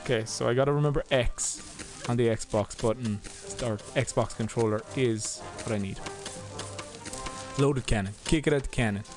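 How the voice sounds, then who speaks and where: A man's voice: mid-range voice, moderate pace, music in the background. Chatty man narrating his gameplay. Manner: chatty, rambling, self-correcting. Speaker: let's play host. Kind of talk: casual gameplay commentary.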